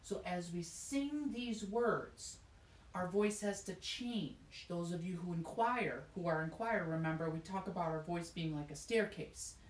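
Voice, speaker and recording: A woman's voice: lowish voice, unhurried. A woman teaching a children's music lesson, explaining each step in an encouraging way and singing short demonstrations. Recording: echoey room.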